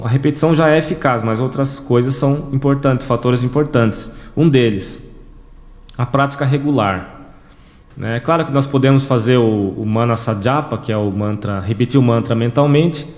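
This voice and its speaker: A monk gives a calm, measured spiritual teaching talk, checking in with his listeners through small tag questions. His mid-pitched voice sounds out in a roomy space with a long reverb tail. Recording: echoey room with long reverb.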